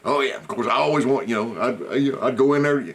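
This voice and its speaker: A man's voice: medium pitch, fast talker. A man hosting a hunting show, telling a story in a casual, folksy way and repeating himself as he talks to his viewers. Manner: animated, repetitive, folksy asides to the audience.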